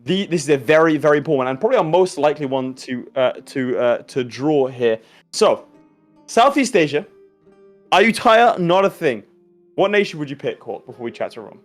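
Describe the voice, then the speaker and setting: A man's voice: a little high, animated, a little fast, soft background music. A man co-hosting a live show, playful and hyped in his banter. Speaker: show host.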